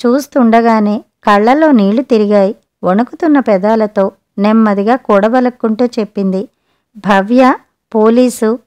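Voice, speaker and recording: A woman narrating a short story for an audiobook with a steady, expressive reading. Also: on the high side, moderate pace, clear, resonant tone.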